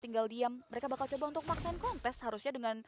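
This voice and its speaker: A woman's voice: high voice, quick pace, noisy background. A woman with an Indonesian accent giving live esports commentary in long, elaborate phrases with English gaming terms mixed in.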